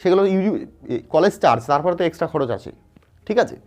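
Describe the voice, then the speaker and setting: A man's voice: on the high side, animated, brisk, a little mellow. A man from West Bengal with a Bengali accent, teaching students in an informal explainer. He keeps checking in with them and often restarts his phrases. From West Bengal, India. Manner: informal, repeats "ঠিক আছে?" to check understanding, frequent fillers and restarts. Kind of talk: explainer lesson addressed to students.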